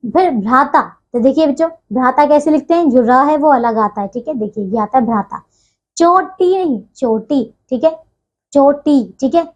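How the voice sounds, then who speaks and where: Woman teacher w/ a high voice, slow patient explaining to little kids, keeps checking in. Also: highs cut off. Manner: patient, repeats words and checks with "theek hai". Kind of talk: Hindi grammar lesson for children.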